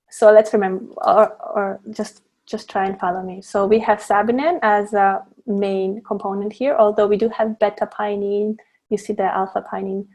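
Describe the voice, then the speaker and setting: A woman with a mid-range, slightly mellow voice is a guest presenter teaching a live online class on blending essential oils. Over a video call she explains each step, often using fillers and restarting.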